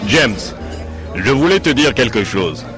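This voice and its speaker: A man's voice: medium pitch, very animated, unhurried. A man playing a patronizing governor. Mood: condescending. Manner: smooth, condescending. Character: self-assured male governor, patronizing. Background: music.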